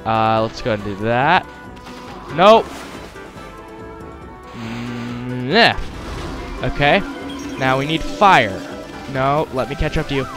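A man's voice: medium pitch, expressive, slow pace, long pauses. A man hosting a gaming video with casual, playful let's-play commentary. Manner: playful, jokey, puts on voices and noises. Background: faint game music.

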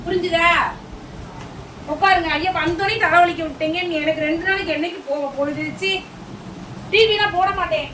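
A stern aunt scolds and lectures the children of the house in a high, sharp voice, as a woman acts her out. She is recorded from a distance in an echoey room, with household noise behind her. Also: steady tone, brisk. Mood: scolding. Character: strict scolding aunt, middle-aged woman. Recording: echoey room, far from mic, noisy.

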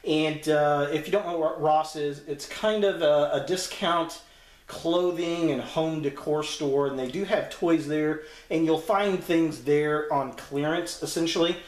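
A man hosting a casual toy review video, talking in a relaxed, rambling way with lots of fillers. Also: on the high side, a little slow. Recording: echoey room.

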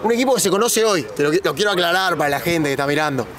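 Rapid mock-formal man. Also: fairly high pitch, animated, crowd noise. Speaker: guest team player. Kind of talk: joking pre-match banter.

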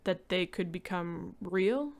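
A woman giving a dramatic reading of a short story, acting out each character and rising loud for the shouting and panicked lines. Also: on the low side, lively intonation, takes it slowly, creaky. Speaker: reader.

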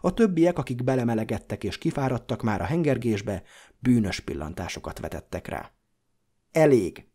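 A man reading a classic horror novel aloud as an audiobook narrator, in a measured, dramatic way. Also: mid-range voice, lively intonation, warm tone.

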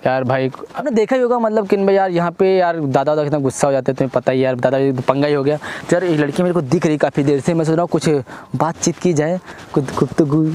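A man's voice: on the high side, fast, mellow, a little hiss or hum. A young man, hosting a village prank, who keeps cajoling and asking why she is angry.

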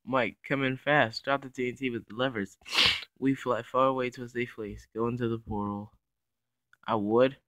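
A man's voice: mid-range voice, fairly even intonation, normal speed, a bit bright, no echo. A man giving playful, casual commentary over his own block-building game, narrating each move as he goes. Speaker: gaming YouTuber.

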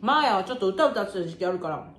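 A woman in her twenties chatting casually and excitedly in slangy speech while sharing songs. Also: mid-range voice, rapid-fire, roomy sound, a little hiss or hum. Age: 20s. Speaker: YouTuber.

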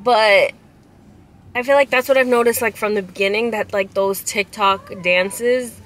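A woman's voice: medium pitch, unhurried, a bit bright, rough recording. A young woman chatting casually in a car at night, telling stories in a rambling way full of likes, picked up by a dashboard camera. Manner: rambling storyteller, many likes. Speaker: guest. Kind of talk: casual chat. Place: inside a parked car at night. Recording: car with noise behind.

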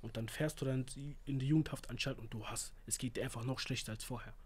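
A young man with telling a real-life story in a casual, animated way, acting out the lines of the people in it. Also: mid-range voice, fast, slightly rough. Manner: slangy, animated, acts out quoted lines.

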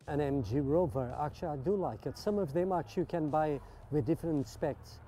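A man's voice: fairly high pitch, brisk, loud music behind the voice. A man giving casual, enthusiastic walkaround commentary in an outdoor car park, admiring things and asking his viewers questions. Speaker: vlogger touring a car meet.

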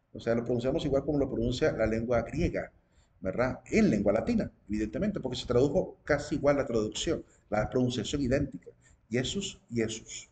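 A man's voice: mid-range voice, darkish tone, slight background noise. A man giving an informal religious teaching to viewers, explaining step by step with frequent fillers and tag questions.

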